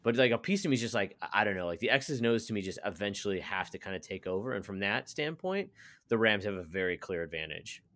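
A man's voice: lowish voice, lively intonation, fast talker, a bit bright. A man co-hosting a casual sports podcast, rambling and full of "like" fillers. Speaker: podcast co-host.

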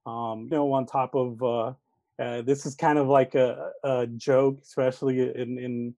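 Reflecting earnestly on his life as an elementary school teacher, a thirty-something man from Texas, a Spanish speaker from childhood, sprinkles his interview answers with "uh" and "you know." He speaks at a measured pace in a mellow, gravelly, medium-pitched voice with little pitch movement, with no room sound.

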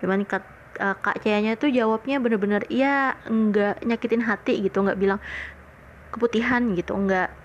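On a muffled recording with slight background noise, a young woman hosting a podcast speaks at medium pitch and moderate pace. She shares a personal story in an earnest, grateful, chatty way, packed with fillers and conversations she retells.

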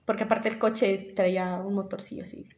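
A woman's voice: medium pitch, fairly quick, roomy sound. A young woman with a Mexican Spanish accent, co-hosting a casual podcast chat and telling a story with acted-out voices. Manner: animated storyteller, acts out voices and laughs. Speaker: podcast co-host. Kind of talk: casual chat among friends.

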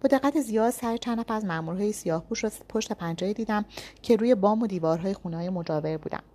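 A woman's voice: medium pitch, mellow. A woman reading a first-person thriller story aloud with tense, dramatic storytelling. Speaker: narrator.

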